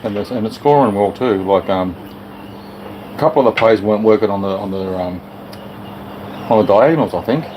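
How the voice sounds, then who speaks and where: A man's voice: fairly low pitch, brisk, pauses often, darkish tone, slight background noise, poor audio. A man co-hosting a pinball repair stream, chatting in a laid-back way with short remarks. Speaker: co-host and repairer. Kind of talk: casual chat.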